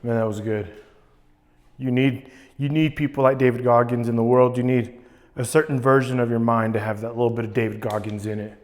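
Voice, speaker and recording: A man chatting casually to camera with breathy sighs, just out of an ice cold plunge. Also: medium pitch. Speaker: vlogger doing a cold plunge challenge. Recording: long echoing reverb.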